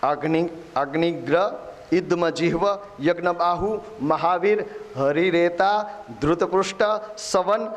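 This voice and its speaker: A man telling scripture stories in a devotional sermon, voicing the characters in dialogue. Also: fairly high pitch. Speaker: Bhagavat katha preacher.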